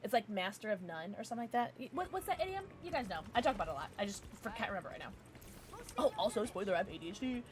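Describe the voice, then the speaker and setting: A woman livestreams while playing video games, chatting casually in a playful, effusive, scatterbrained way. Her medium-pitched voice is sing-song and races along.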